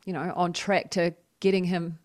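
A woman interviewing a guest, giving short affirmations and asking gentle questions. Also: lowish voice, level tone, normal speed. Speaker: podcast interviewer. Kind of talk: conversational interview.

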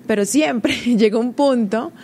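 A woman's voice: fairly high pitch, unhurried, darkish tone. A woman, hosting a casual, confiding monologue and laughing often as she talks. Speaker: host.

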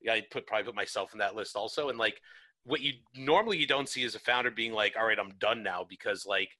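A man's voice: lowish voice, expressive, fast, sharp tone. A man co-hosting a podcast in casual chat, rambling with lots of fillers and laughing asides. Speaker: podcast co-host.

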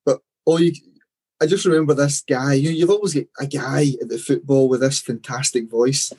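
Man, mellow husky voice, reflective storyteller, casual podcast chat. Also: mid-range voice, steady tone, normal speed. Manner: reflective, storytelling with many fillers. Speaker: podcast co-host.

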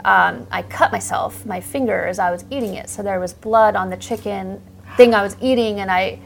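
A woman's voice: medium pitch, normal speed, vocal fry, faint music behind, poor audio. A middle-aged woman physician, born in the Netherlands and raised in Montana, chatting as a guest in an interview and telling her story with easy laughs. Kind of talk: casual interview conversation.

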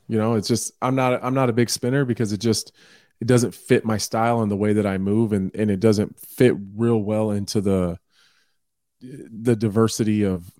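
A man's voice: on the low side, a little mellow, no echo, clean studio sound. A man co-hosting a casual podcast, laid-back and agreeable, a fighter talking about his own style. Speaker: podcast co-host.

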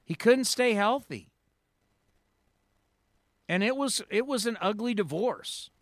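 High, bright-voiced man in his forties. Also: slow pace, dry recording, clean studio sound. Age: 40s. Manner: energetic, rambling storyteller. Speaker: sports radio host. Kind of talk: sports radio talk.

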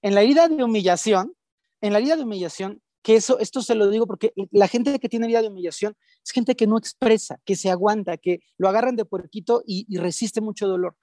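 A woman's voice: mid-range voice, quick pace, mellow, dry recording, clean studio sound. A woman with a Mexican accent, a guest therapist who explains her ideas emphatically and with everyday examples during an interview. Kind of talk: teaching in an interview.

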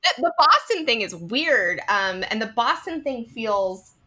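Female podcast guest, animated and bright, casual chat. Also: fairly high pitch, a little slow. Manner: animated, laughs often.

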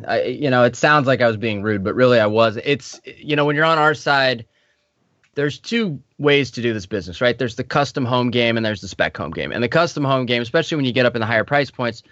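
A man co-hosting a casual podcast, talking in a relaxed, rambling way with fillers. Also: mid-range voice, a little fast, dry recording, lo-fi sound. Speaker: podcast co-host, home builder.

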